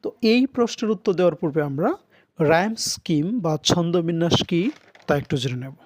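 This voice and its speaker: A man teaching an English lesson, reading English lines slowly and translating them into Bengali. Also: on the high side, expressive, no room sound. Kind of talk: recorded lesson.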